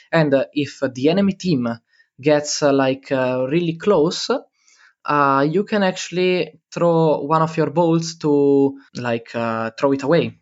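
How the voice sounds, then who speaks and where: Italian-accented teen male, guest, casual and halting, muffled mic. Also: a little high. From Italy. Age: teens. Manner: halting, many fillers, self-corrections. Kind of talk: casual explanation. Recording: dull lo-fi recording.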